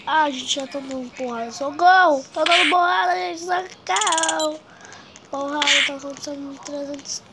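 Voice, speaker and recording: Female gaming host, Brazilian Portuguese accent, high voice, dramatic and chatty, loud game noise behind. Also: normal speed. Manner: chatty, dramatic, keeps addressing viewers. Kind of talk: excited gameplay commentary.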